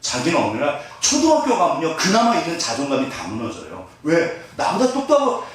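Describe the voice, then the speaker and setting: Man, middle-aged pastor, sermon, jokey and self-deprecating, very lively pitch, heavy echo, distant mic. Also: a little fast. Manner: humorous, self-deprecating, animated with laughter. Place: church sanctuary.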